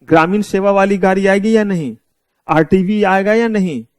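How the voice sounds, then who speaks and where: A man's voice: high-pitched, moderate pace, smooth, no room sound. A man with an Indian accent giving a law lecture, asking his students rhetorical questions and mixing English terms into his explanations. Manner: mixes English terms into Hindi. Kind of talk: classroom lecture.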